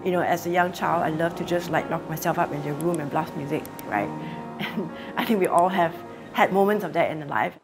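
Frank woman, slightly low voice. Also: a little fast, music in the background. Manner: frank, emphatic, casual swearing. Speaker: professional musician. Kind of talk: documentary interview.

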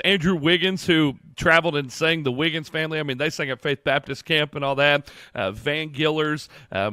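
A man co-hosts a podcast with a friendly, loose, rambling way of talking. His voice sits on the higher side. The sound is dry and close, with no room echo. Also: a bit bright, clean tone. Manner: friendly, rambling, announcing events. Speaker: podcast co-host. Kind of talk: casual podcast chat.

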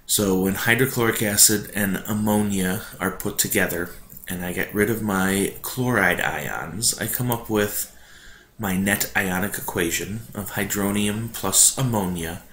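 A man's voice: fairly low pitch, a little slow, a bit bright. A man teaching a recorded chemistry lesson in an informal, explanatory way, his voice echoing as if in a cave. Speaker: high school chemistry teacher. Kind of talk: recorded lesson narration, review lecture. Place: echoey room at home. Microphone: not his usual microphone, built-in or distant. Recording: echoey cave-like room, faint hiss, no proper microphone.

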